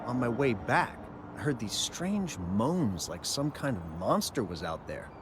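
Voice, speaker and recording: In a game cutscene, an actor voices a nervous, chatty young miner describing what he witnessed. His medium-pitched delivery is sing-song and jumpy, slowing down when he gets to the monsters. Game music runs underneath along with background noise.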